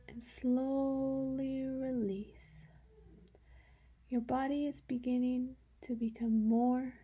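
With a fairly high, soft and breathy voice, a woman talks listeners through a meditation, often dipping almost into a whisper. Her instructions are calm and spaced by long silences.

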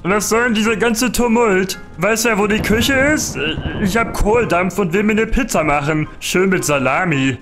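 Brief: man as a whiny, always-hungry animatronic chicken for a game video; high, pleading voice. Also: moderate pace, music in the background, natural voice.

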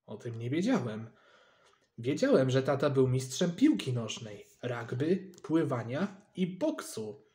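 A man reading a children's storybook aloud in a lively, expressive way, narrating in a child's first person. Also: mid-range voice, unhurried.

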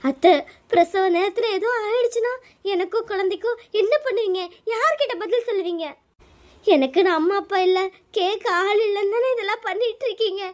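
A woman's voice: very high voice, brisk. A woman voicing a frightened, pregnant young daughter-in-law in a cartoon, pleading and tearful. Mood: upset. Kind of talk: cartoon voice acting.

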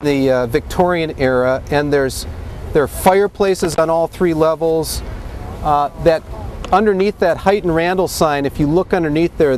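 Middle-aged male tour guide, slightly high voice, chatty and enthusiastic, outdoors with faint traffic noise. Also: a little mellow. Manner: chatty, enthusiastic, with frequent uh fillers. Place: busy downtown street outdoors with a crowd. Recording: street noise behind.

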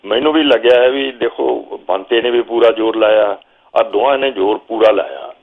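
Older man, Punjabi accent, reminiscing storyteller, thin phone-like audio. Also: on the low side. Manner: slow reminiscing storyteller, quotes himself calling instructions. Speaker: guest. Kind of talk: storytelling interview. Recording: phone-like narrow sound.

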